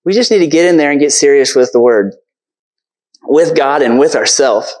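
A man's voice: a little high, moderate pace, darkish tone, low-quality recording. Earnest man giving a casual sermon. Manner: earnest, conversational, many fillers. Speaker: preacher. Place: church stage.

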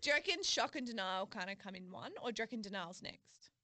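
A woman's voice: medium pitch, lively intonation, fast, pushed and bright, no room sound. A young woman, co-hosting a podcast in casual chat, blunt and supportive and not shy about swearing. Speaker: podcast co-host.

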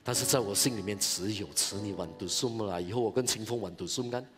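A man, a pastor giving an animated, exclamatory sermon at a church conference. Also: on the low side, fast.

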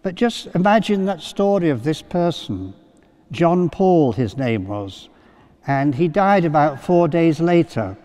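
An older priest gives a sermon in a slightly raised voice, telling his story gently with pauses and little fillers. His words ring out with the long reverb of a big cathedral, picked up by a pulpit mic. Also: a little high, big pitch swings. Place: large cathedral.

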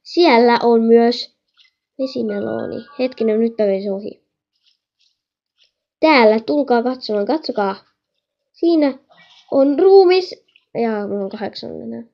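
A young woman chatting excitedly while playing a horror game, talking to viewers and scolding her mother in the background. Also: on the high side, gravelly, pauses often, highs cut off. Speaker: gaming channel host. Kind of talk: game commentary.

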